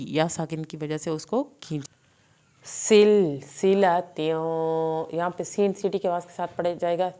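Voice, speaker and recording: A woman teaching Quran recitation rules, reciting each phrase slowly and then explaining it quickly. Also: on the low side, warm tone. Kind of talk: tajweed recitation lesson.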